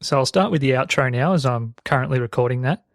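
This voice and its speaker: An Australian podcast host explains things into a close broadcast dynamic microphone. His medium-pitched voice is fast and creaky, his speech very sibilant, and the sound carries no echo.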